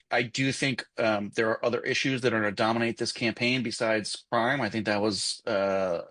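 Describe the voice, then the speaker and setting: A man with a mid-range voice talks as a consulting guest on a political podcast. He is talkative and animated, often restarting his sentences. The sound is close and dry. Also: medium pitch, no echo. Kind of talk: casual political chat.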